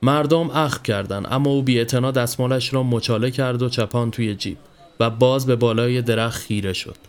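A man hosting a podcast, reading a literary short story aloud in steady narration. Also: medium pitch. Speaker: podcast host.

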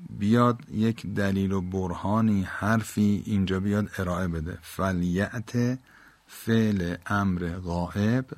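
A man with a lowish voice teaches a Quran exegesis lesson. He recites each Arabic phrase and then explains its words patiently. The sound is dry and close. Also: fairly even intonation, dry recording.

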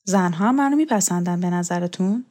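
A man's voice: sits high, animated, darkish tone. A woman reading the lines of a shy, earnest young man in a storybook reading.

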